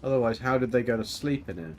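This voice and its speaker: A man's voice: medium pitch, expressive, fast talker, slight background noise. A man giving chatty, cheeky commentary while playing a video game. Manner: chatty, cheeky, laughs often. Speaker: streamer. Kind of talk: casual gameplay commentary.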